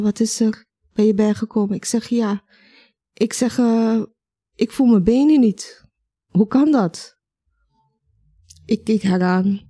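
Woman telling her own story, slow and mellow, dry close sound, acts out what people said. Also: mid-range voice, no room sound. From Belgium. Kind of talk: personal storytelling narration.

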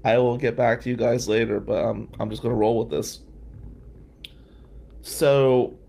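A man's voice: mid-range voice, steady tone, unhurried, creaky, warm tone. A middle-aged man from New Jersey hosting a live stream, telling a rambling story with many tangents. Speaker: host.

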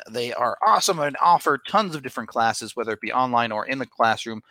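A man hosting a sports podcast rattles off a fast legal disclaimer in short, clipped phrases. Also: mid-range voice, bright, forceful tone, dry recording.

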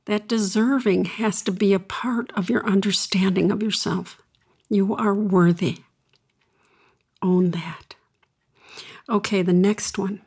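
A woman hosting a radio show, slowly leading listeners through affirmations and then taking calls. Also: medium pitch, fairly even intonation, a little mellow, husky. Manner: slow, soothing, repeats affirmations. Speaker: radio host and intuitive consultant. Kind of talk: guided affirmations and call-in advice.

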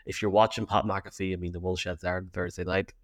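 A man with an Irish accent co-hosting a sports podcast, chatting in an animated, jokey way full of slang. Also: low-pitched, fast talker. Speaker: podcast co-host. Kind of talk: casual sports podcast chat.

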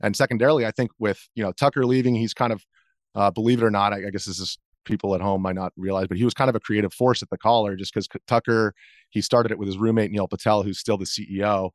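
Speaking as a guest in a relaxed interview, this video journalist in his thirties has a fairly low voice and a steady tone at a quick pace. He works through his replies in loose, meandering sentences, recorded close-up and dry.

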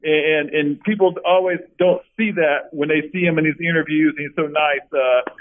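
A man's voice: fairly high pitch, moderate pace. Man on a tinny phone line. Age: middle-aged. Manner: storytelling, many restarts, animated when quoting. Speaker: former college basketball player, guest. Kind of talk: casual interview over the phone.

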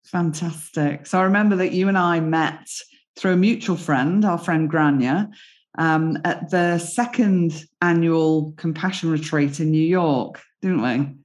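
A woman with a low voice hosts a podcast interview at an unhurried pace. She introduces her guest and asks encouraging questions, often affirming with "yeah."

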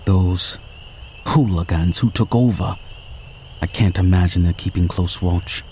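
A man's voice: deep voice, unhurried, darkish tone, a little hiss or hum. A man playing a fussy, formal night escapee. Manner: formal, precise. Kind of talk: audio drama acting.

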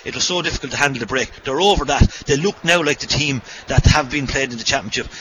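A man's voice: medium pitch, fast talker, sharp tone, poor audio. An Irish man, a radio co-commentator, giving rambling sports analysis and repeating phrases. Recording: broadcast feed with clear background noise.

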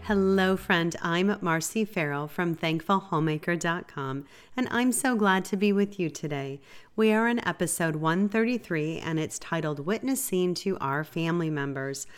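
Low-voiced woman, stuffy from a cold. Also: normal speed, clean tone, soft background music. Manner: earnest, conversational, self-deprecating. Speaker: podcast host.

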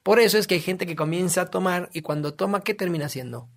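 A man's voice: high voice, fast talker, creaky. A man, a guest in a casual podcast, explaining emphatically and asking himself questions he then answers.

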